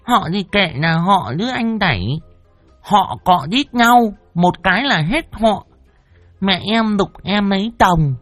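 A man voicing an unkempt, lovesick madwoman who talks in a shrill, wheedling, coy way. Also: expressive, slow, fairly bright tone, dry recording, soft background music, full character voice.

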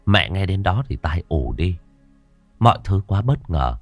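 Male ghost-story narrator, very low voice with lively, dramatic pitch swings, dry close recording over soft music. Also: unhurried, no echo.

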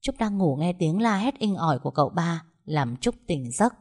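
A woman narrating a first-person family drama story in a steady telling voice. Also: fairly low pitch, moderate pace.

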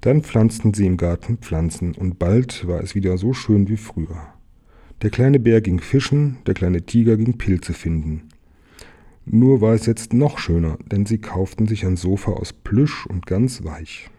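Low, husky storybook reader. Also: male voice, animated, a little slow, dark tone. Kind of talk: reading a children's picture book aloud.

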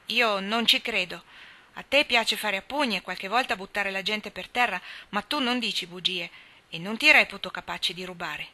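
A woman reading the part of a loyal, gentle boy who pleads earnestly. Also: mid-range voice, normal speed. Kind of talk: audiobook character reading.

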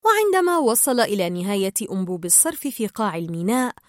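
A woman narrating a children's storybook aloud in an expressive, lively way. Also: mid-range voice, fast, no echo, studio quality.

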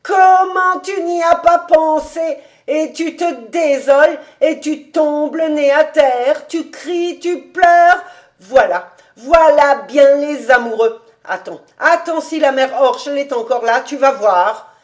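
A woman reading aloud, voicing an excitable old male rabbi with loud, high, emphatic exclamations. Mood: excited, coaxing. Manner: emphatic, slow, coaxing.

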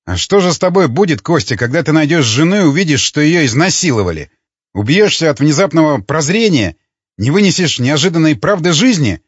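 Man voicing a sneering ex-jailer. Mocking, quick, lively pitch. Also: husky, dry recording, muffled recording. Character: cynical sneering male former jailer.

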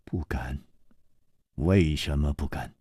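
A male storyteller voicing a calm, worldly swordsman hero who speaks low, hushed and measured. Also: slightly rough, dry recording, studio quality, full character voice. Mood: calm, wry. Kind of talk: storytelling with character voices.

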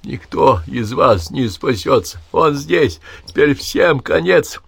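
A man reading an audiobook, voicing a dying male patient in terror who shouts hoarsely and desperately. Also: on the low side, animated, takes it slowly, full character voice.

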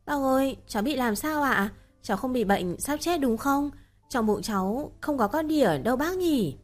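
Naive childlike teenage girl, high and innocent, voiced by a woman narrator. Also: animated, moderate pace, faint music behind. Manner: innocent, pleading questions. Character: naive childlike sixteen-year-old girl.

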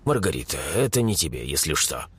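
A man's voice: rumbling low, sing-song, slightly rough, no echo, soft background music, pitched below the performer's own voice, heavily acted. A man doing a cocky, mocking young mage. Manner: mocking, impatient, quick retorts. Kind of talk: audiobook character voice.

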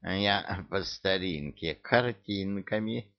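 An ancient giant demon, creaky and wheezing, takes his time over every word, as a man reads him in an audiobook. The voice sits low and drags along. The recording is a little muffled. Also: slow pace, no echo. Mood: wheezy, plodding. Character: ancient three-meter male demon, wheezing, creaky pensioner. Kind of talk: audiobook character voice.

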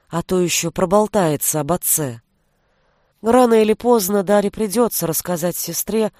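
A woman narrating a fantasy audiobook in an even storytelling voice. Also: on the low side, no room sound, studio quality.

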